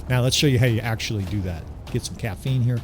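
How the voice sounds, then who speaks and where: A man's voice: mid-range voice, quick pace, slight background noise. Chatty man commentating gameplay. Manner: chatty, enthusiastic, keeps asking "right?". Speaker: gaming commentator.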